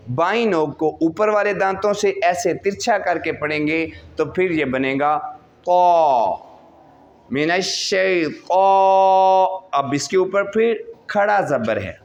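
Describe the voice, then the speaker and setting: A man with a Pakistani Urdu accent teaching a class how to recite, drawing out sounds slowly to model them and asking and answering his own questions. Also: sits high.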